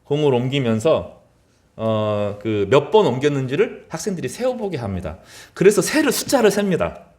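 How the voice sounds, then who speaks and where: A middle-aged man preaching a sermon as pastor, his voice rising high in quoted lines and dropping low at the end of phrases. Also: sing-song, moderate pace, darkish tone.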